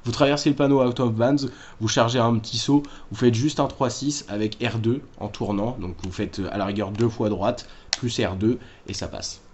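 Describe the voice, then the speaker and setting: A man's voice: mid-range voice, steady tone, normal speed, hardly any pauses, a little mellow. A man hosting a game walkthrough, talking casually and correcting himself as he explains moves to viewers. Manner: chatty, self-correcting, addresses viewers directly. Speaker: gaming walkthrough host.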